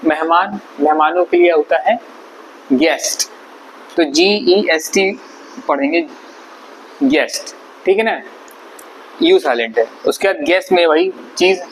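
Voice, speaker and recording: A man's voice: on the high side, unhurried, long pauses, rough recording. A man teaching an English vocabulary lesson, explaining patiently and repeating words syllable by syllable. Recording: faint background noise.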